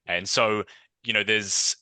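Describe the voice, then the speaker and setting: On a dry recording, a man with a New Zealand accent and a lowish voice answers podcast interview questions slowly, with a steady, bright and forceful tone. He's thoughtful and conversational, with lots of fillers and restarts.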